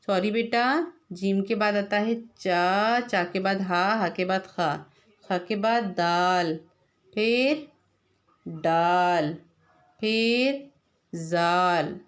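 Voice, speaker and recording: Woman teacher going through letters real slow, patient, asks the kids questions. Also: mid-range voice. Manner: patient, spells letters out one by one; quizzes children with questions. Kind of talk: slow classroom lesson.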